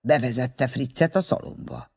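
A man narrating a novel in an expressive storytelling manner. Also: medium pitch, husky. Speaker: audiobook narrator.

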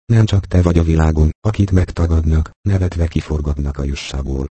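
A man's voice: extremely low pitch, steady tone, dark tone, breathy edge, no room sound. A man voicing a grave, earnest boy king. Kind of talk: audiobook reading.

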